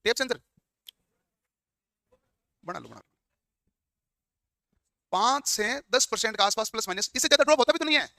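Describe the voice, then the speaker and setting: A man's voice: very high voice, expressive, moderate pace, pauses often, bright, forceful tone, dry recording. A man teaching a class, firing questions at his students and answering them himself. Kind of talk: classroom lecture.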